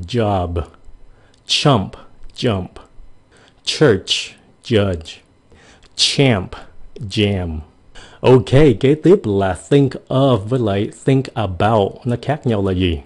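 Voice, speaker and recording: A man giving a casual video lesson on pronunciation, repeating example words slowly and exaggerating the sounds. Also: mid-range voice, dark tone. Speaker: English pronunciation teacher.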